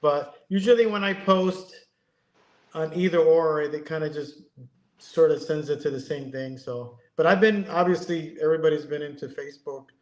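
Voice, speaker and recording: A man in his fifties from Connecticut, speaking as a podcast guest with a slightly raised pitch. He talks in a casual, halting way, full of ums and restarts. The recording sounds roomy and echoey. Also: lo-fi sound. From Connecticut, USA. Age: 50s. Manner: hesitant, many ums and restarts. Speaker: guest, airbrush artist. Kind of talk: casual interview chat.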